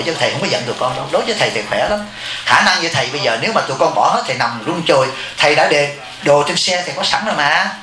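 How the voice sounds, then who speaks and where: Male Buddhist abbot, slightly high voice, quick and bright, blunt informal dharma talk, echoey room. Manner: blunt, speaks of himself in the third person as teacher. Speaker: Buddhist monk and temple abbot.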